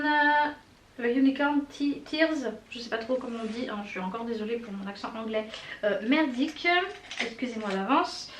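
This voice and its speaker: A woman doing a casual makeup tutorial, chatty and enthusiastic with many fillers and little exclamations. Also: a little high. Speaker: beauty vlogger. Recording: roomy echo, mic at a distance, faint noise.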